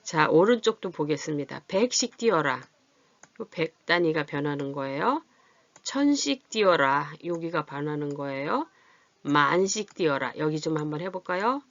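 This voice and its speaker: With a low, animated voice, an adult literacy teacher runs a classroom math lesson on reading and writing large numbers. She is patient, frequently asks whether her learners follow, and counts in a drawn-out way as she writes. The audio is dull, dry, and lo-fi.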